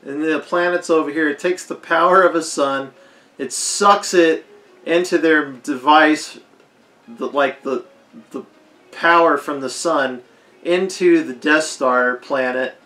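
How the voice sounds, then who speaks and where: A man with a hoarse, fading voice giving a rambling, unscripted movie commentary, leaning hard on "like". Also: on the high side, slow pace, bright, forceful tone. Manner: rambling, heavy use of "like". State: hoarse, losing his voice. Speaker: film commentator. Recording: echoey roomy recording.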